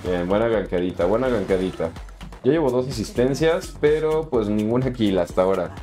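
A young streamer with a Mexican Spanish accent casually comments on his game live and answers chat in slangy, chatty talk. His lowish voice is expressive at a normal speed, with music playing in the background.

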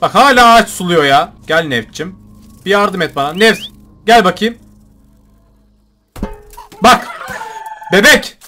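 High, bright-voiced excitable young gamer guy. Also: unhurried, long pauses, faint music behind. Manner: excitable, shouts and jokes at game characters. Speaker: gaming YouTuber. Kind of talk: let's play commentary.

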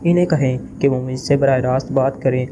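A man's voice: medium pitch, steady tone, a little fast, noisy background, lightly acted. A man voicing an agitated, anxious male head of state who barks orders, in an audio novel reading.

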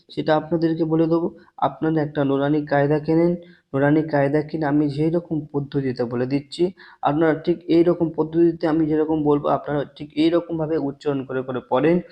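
A man teaching Quran letter pronunciation as a religious lesson, earnest, slowly repeating each letter sound for the learners to copy. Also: on the high side, highs cut off.

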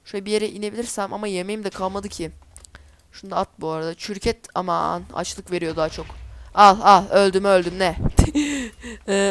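Woman, gameplay commentator, mid pitch, smooth tone, chatty and easily exasperated. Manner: chatty, easily exasperated, talks to herself while playing. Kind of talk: casual let's-play commentary.

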